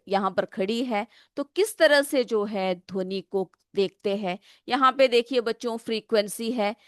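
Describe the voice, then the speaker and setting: A woman's voice: fairly high pitch, smooth, dry recording, studio quality. A woman teaching a school science lesson. She asks the pupils questions and then answers them herself. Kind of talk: classroom lesson, explaining a simulation.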